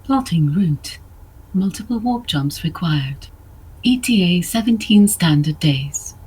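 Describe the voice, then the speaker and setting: Woman as a husky, impassive spaceship computer. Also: lowish voice, takes it slowly, exaggerated voice, low-quality recording. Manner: flat, procedural announcements. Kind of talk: science fiction audio drama acting.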